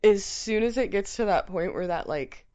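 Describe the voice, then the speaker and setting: A woman chatting casually as a co-host, rambling and halting through her stories with lots of filler words. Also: medium pitch, expressive, dark tone. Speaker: co-host of a challenge show. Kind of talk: casual chat.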